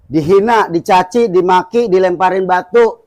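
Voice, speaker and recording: A man from Indonesia, an Islamic preacher, teaching in a conversational way, animated, laughing often and building repeated lists. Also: high voice, moderate pace, dry recording.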